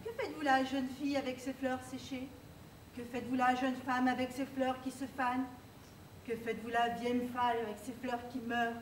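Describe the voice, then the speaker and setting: A woman's voice: level tone, fairly quick, natural voice. A woman playing a prim married guest in a stage play, reciting little stories in a declamatory, mock-earnest way. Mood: recitative. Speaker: amateur stage actor. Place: theatre stage. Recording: echoey theatre, distant mic, faint rumble.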